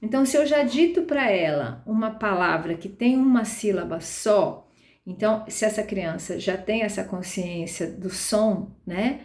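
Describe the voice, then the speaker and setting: A woman's voice: mid-range voice, unhurried, darkish tone. Woman, patient lecturer, explains step by step with tag questions, recorded in a roomy space. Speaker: literacy teacher trainer.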